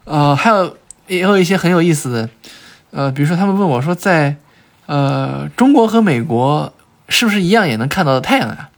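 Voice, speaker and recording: A man as a podcast guest, telling travel stories in an animated way, with frequent filler sounds and restarts. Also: on the high side, moderate pace. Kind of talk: conversational storytelling in a podcast interview.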